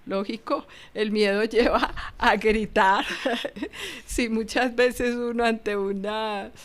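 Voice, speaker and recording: A woman talks through a gospel passage like a story. She speaks in a chatty, animated way, with light laughter slipping in between her phrases. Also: a little high, takes it slowly. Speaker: Bible study co-presenter. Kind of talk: conversational gospel commentary.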